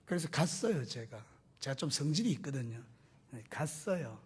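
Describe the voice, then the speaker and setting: Husky high-voiced male pastor preaching. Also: normal speed. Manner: animated preaching, questions to the congregation; folksy storytelling with humor. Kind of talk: sermon.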